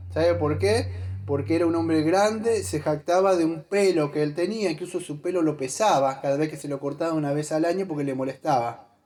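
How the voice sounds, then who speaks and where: A man's voice: a little high, darkish tone. A male pastor, preaching a conversational sermon to his congregation, talking to them directly and thinking aloud while he hunts for Bible verses. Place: church.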